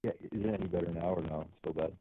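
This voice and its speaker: A young man from New York phones in to a live stream, and his rushed, low voice comes through muffled, as if from behind a wall. The line is tinny and keeps breaking up. He talks flat and very fast in short replies. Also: slightly rough, dry recording. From New York, United States. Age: 20s. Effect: muffled and glitchy, as if heard through a wall. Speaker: caller. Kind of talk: call-in conversation on a live stream.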